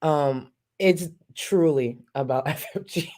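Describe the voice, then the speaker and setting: In a low, slightly mellow voice and at a slow pace, a woman comments casually on a livestream. She reacts to a video and reads out super chats, mocking them with sassy, profane jabs and laughing a lot.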